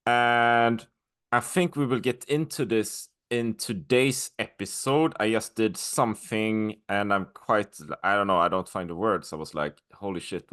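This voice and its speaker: Low-voiced male podcast host. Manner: relaxed, chatty, restarts often. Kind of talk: casual podcast talk.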